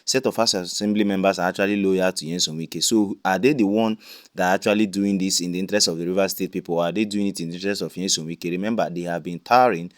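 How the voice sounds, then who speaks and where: Male news host, low voice, brisk delivery, dry close sound. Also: fairly even intonation, dry recording. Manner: explanatory, poses questions to viewers. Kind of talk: online news commentary.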